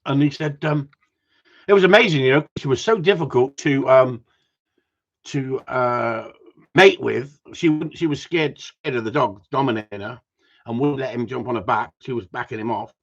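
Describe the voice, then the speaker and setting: A gundog breeder livestreams in a dull lo-fi home setup, talking at normal speed in a medium-pitched voice. He chats to viewers in a rambling, casual way, jumping between topics, swearing freely and breaking into loud outbursts.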